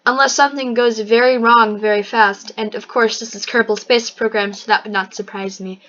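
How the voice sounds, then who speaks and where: Brief: woman gameplay narrator, somewhat high voice, dry mock-serious delivery, dull lo-fi mic. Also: steady tone, moderate pace, a bit bright. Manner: mock-formal, wry, slips into put-on accents. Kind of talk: gameplay commentary. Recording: dull lo-fi microphone.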